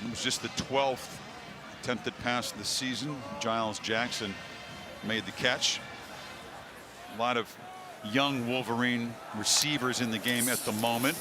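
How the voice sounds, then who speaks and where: A man gives live football commentary as the play-by-play announcer. His voice sits at a middle pitch, with music clearly audible behind him. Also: fairly even intonation, unhurried.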